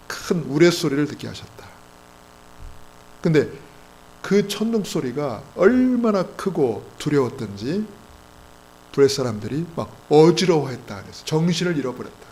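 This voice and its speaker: A male pastor preaching in a church, his slightly high, gravelly voice rising to loud exhortation and dropping to low asides. A faint hum sits under the recording. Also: low-quality recording. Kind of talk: sermon. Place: church sanctuary.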